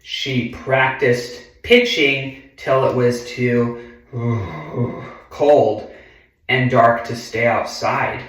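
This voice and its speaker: An adult man with a medium-pitched, steady, slightly bright voice reads a children's picture book aloud slowly and deliberately. He adds casual, chatty asides and frequent murmured mm-hmms, recorded far from the mic in a very echoey room.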